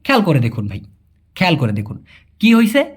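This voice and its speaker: A young man from Bangladesh teaching Malay in a casual way, answering viewer questions, chatty and repeating key words slowly. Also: on the high side, huge pitch swings, breathy edge. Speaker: language teacher.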